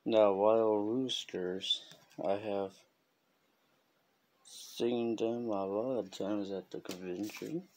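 A man's voice: lowish voice, steady tone, darkish tone, a little hiss or hum. A man casually showing a collection of business cards and stickers to the camera, rambling and chuckling now and then. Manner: slow, rambling, chuckles often. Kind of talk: casual show-and-tell vlog.

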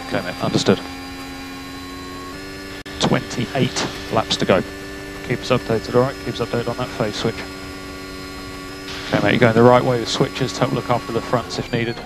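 A male race engineer speaks over race car radio in a mid-pitched voice. He gives clipped, matter-of-fact instructions and updates, often repeating key figures through the team radio link. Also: steady tone, moderate pace, pauses often, background noise. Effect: team radio transmission.

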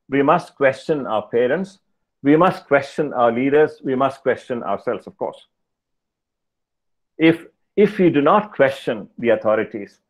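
Older man, keynote lecture, measured and deliberate, headset on video call, slightly muffled audio. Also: medium pitch. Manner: measured, deliberate, pauses with fillers. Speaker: keynote speaker. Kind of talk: lecture over slides.

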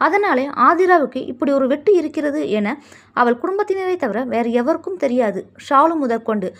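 A woman reading a story aloud, in expressive, measured narration. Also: high-pitched.

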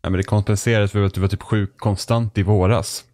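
A man's voice: fairly low pitch, steady tone, darkish tone, no room sound, studio quality. A man with a Swedish accent co-hosting a casual podcast, blunt and opinionated. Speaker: podcast co-host. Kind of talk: casual chat.

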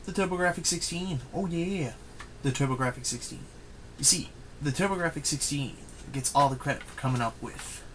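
A man giving an energetic, playful YouTube rant about retro game consoles. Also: mid-range voice, slight background noise, low-quality recording. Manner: hyped, emphatic, playful. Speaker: guest video maker.

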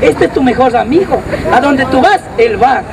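A man's voice: very high voice, animated, moderate pace, creaky. A man with an Ecuadorian accent doing a crude, rowdy street comedy routine outdoors, calling his audience "brother". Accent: Ecuadorian Spanish. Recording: distant mic, loud crowd and street noise.

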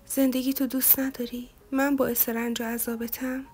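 A woman voicing a gentle, worried young man who asks soft, concerned questions. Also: sits high, little pitch movement.

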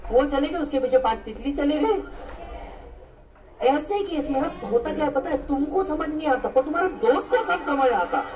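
A man's voice: very high voice, moderate pace. A male teacher telling his class a story from his school days, acting out his friends' voices. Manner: animated, acts out friends' voices. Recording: echoey room from far off.

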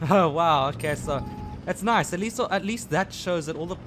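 A man's voice: a little high, moderate pace, background noise. A man from South Africa giving casual live commentary while playing a video game, muttering his reactions as he plays. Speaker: gaming channel host.

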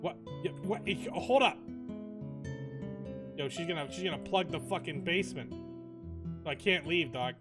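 A young man casually commentating a video game, excitable and loose, calling people dude and bro. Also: on the high side, normal speed, long pauses. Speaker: streamer. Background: game music.

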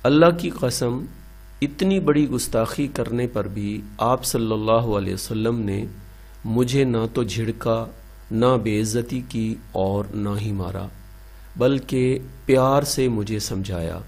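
A man voicing a grateful male desert nomad who speaks in an earnest, pleading way, somewhat higher than his narrating voice. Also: takes it slowly, gravelly, darkish tone, exaggerated voice.

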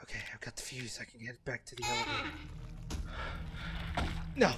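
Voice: mid-range voice, huge pitch swings, heavy background noise. A gameplay commentator talking through a horror game, swearing constantly, panicking and repeating words in frantic bursts. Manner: repeats words in rapid bursts when scared. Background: game music.

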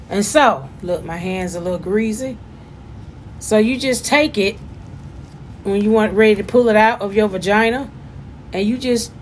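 A woman, chatting loudly and jokingly as she gives a casual demonstration at home. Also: medium pitch, a little hiss or hum. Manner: chatty, joking, loud and animated. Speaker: vlogger giving a demonstration.

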